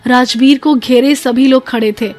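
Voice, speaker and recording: A woman narrating a family drama in Hindi as a storyteller, steady and emotive. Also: sits high, moderate pace, soft background music. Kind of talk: scripted narration.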